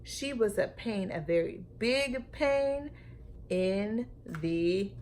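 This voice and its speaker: Like a teacher, a woman reads a story aloud to children, expressive and emphatic, using dramatic pauses and asking her young listeners questions. Her voice is medium-pitched, with a little hiss or hum in the recording.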